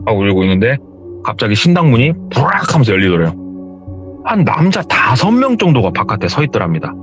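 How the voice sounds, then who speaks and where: A man retelling a horror story in a casual, lively spoken style. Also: medium pitch, fast. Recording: dull lo-fi audio with music.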